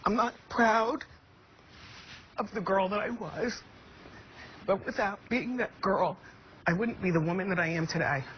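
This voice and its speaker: A woman talk show host giving an earnest, measured personal testimony. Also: mid-range voice. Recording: dull muffled audio with faint noise.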